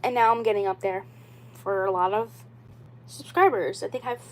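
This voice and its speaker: In a casual livestream, a doll YouTuber in her twenties chats with viewers about doll collecting, her voice medium in pitch and her pace normal. She's earnest and insistent, going over the same points again and again and scattering "like" and "you know" throughout.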